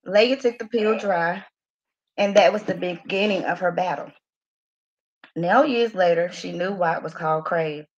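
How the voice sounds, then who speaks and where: A woman's voice: lowish voice, a little slow, dull audio. A woman reading the first chapter of her own novel aloud from her phone, voicing the characters' lines with expression. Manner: expressive reading with laughing asides to a live audience.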